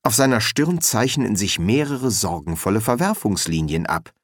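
A man narrating an audiobook with lively, varied storytelling. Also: lowish voice, normal speed, dry recording, studio quality.

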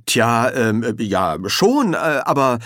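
A man's voice: a little high, lively intonation, normal speed, no echo, clean studio sound, pitched above the performer's own voice, natural voice. A man voicing an easygoing young male actor who stammers and hedges. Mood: hesitant. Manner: stammering and casual.

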